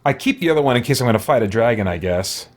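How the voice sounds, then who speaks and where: A man with a medium-pitched, lively voice races through casual commentary while hosting a role-play gaming playthrough. He thinks aloud, muttering to himself and letting out mild exclamations.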